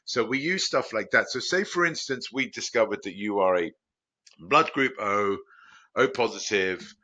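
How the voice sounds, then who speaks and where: A man from Crete, a biotech founder guest, talking casually and rambling with many restarts and animated jumps in pitch. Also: moderate pace, dull audio. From Greece, Crete. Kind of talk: casual conversational explaining.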